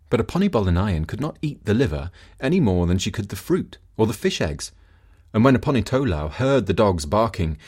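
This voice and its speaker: The male storybook narrator has a husky, fairly low voice and very animated intonation that swings up and down as he reads a scripted folk tale.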